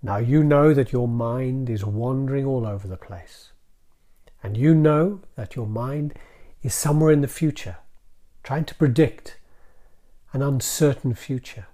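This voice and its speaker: A man guiding a calm grounding exercise in a gentle, soothing manner, leaving deliberate pauses between short phrases. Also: medium pitch. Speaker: mindfulness practice guide.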